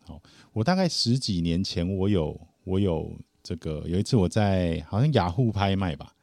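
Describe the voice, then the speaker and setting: A man casually telling a personal story on a podcast, animated and acting out the people he quotes. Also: low voice, moderate pace, gravelly, no room sound, clean studio sound. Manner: animated, acts out quoted voices.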